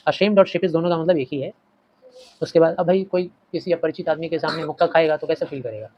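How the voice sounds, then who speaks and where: A man's voice: a little high, no room sound, dull audio. Middle-aged male teacher explaining a story. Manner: explains slowly, glossing words and mixing languages.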